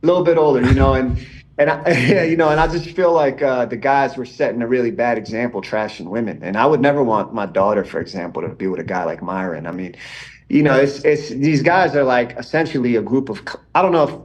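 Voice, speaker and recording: A podcast guest in his forties joins remotely from his home in Germany, with an Israeli and Iranian background. His pitch is average and he talks fast in a laid-back, rambling way, peppering casual conversation with "man" and "you know."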